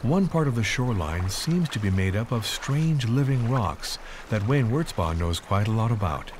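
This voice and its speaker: A man's voice: fairly low pitch, lively intonation, normal speed, noisy background. A man delivering scripted narration for a nature documentary. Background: prominent background music.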